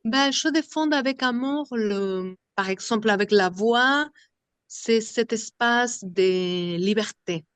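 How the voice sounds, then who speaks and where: Slow-talking Argentine woman, halting French. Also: fairly high pitch, clear, resonant tone, dry recording. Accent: Argentine Spanish. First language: Spanish. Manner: halting, searching for words, many fillers. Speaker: singer and vocal workshop leader. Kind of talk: interview.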